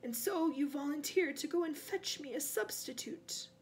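A cold, imperious dark lord from a storybook, voiced by a woman, weakened yet full of menace. The voice sits high and moves deliberately, with a breathy hiss creeping in. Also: lightly acted. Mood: contemptuous, suspicious. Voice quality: breathy, hissing whisper at times.

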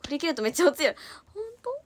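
A young woman idol chatting casually on a livestream, reading out and thanking viewer comments, quick-talking, now and then slipping into a Hiroshima dialect. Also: high voice, big pitch swings, dry recording. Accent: Hiroshima dialect in places.

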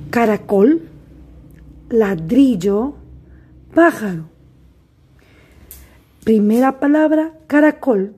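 Her voice is husky, fairly high, and dark in tone as this primary school teacher leads a recorded remote lesson. She takes her time, choosing each word deliberately and speaking right to the children.

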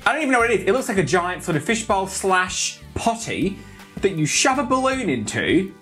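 A man's voice: high voice, sing-song, a little fast, fairly bright tone, soft background music. A British man speaking as a sassy, bitchy drag queen co-host, sweary and mock-outraged in comic banter. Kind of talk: comic banter, toy reaction video. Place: small indoor set.

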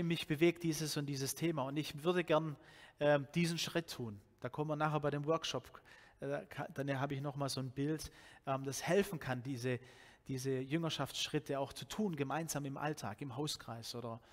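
A Swabian pastor in his forties, with a Swabian German accent, preaches a sermon into a headset mic in a church hall. He is loose, conversational, and animated, restarting sentences often and using many fillers, in a mid-range voice.

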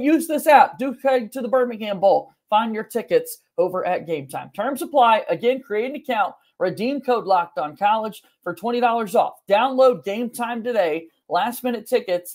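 A young adult man with a notably high-pitched yet darkish-toned voice hosts a sports podcast, including a sponsor read. He speaks in a show-host manner, recorded indoors in a small room at home.

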